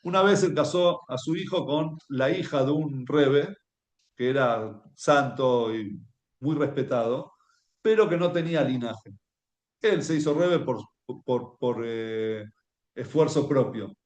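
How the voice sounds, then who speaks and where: A man with an Argentine accent teaches a Torah lesson and tells stories in a halting, restarting way, often pausing to check that his listeners follow. His voice sits at an ordinary middle pitch for a man. The room around him is echoey. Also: a little mellow.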